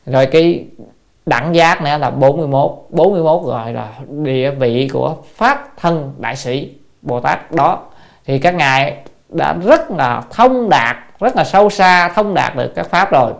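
Sermon voice: dharma teacher, gravelly, mid-pitched, rhetorical questions, repetitive. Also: expressive, normal speed. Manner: explains with rhetorical questions and repeated "đó". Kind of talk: sermon lecture.

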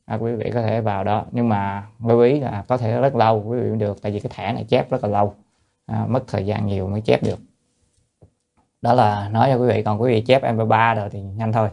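A man who is a Buddhist monk, lecturing on a sutra in a loose, hesitant way with many fillers, chanting lines of classical text slowly before explaining them plainly. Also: fairly low pitch, fairly even intonation, vocal fry, a little mellow.

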